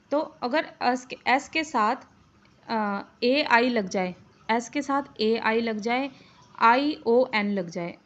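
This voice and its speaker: Slow, patient woman teaching phonics. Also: a little high. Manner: slow, repeats words and letter names, many fillers. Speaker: English teacher. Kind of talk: spoken English lesson in Hindi. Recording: dull lo-fi recording.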